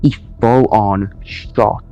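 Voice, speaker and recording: A man's voice: on the low side, steady tone, very slow, mellow, muffled recording, faint music behind. A man hosting a casual recap show, playful and teasing, drawing out words for effect. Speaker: host.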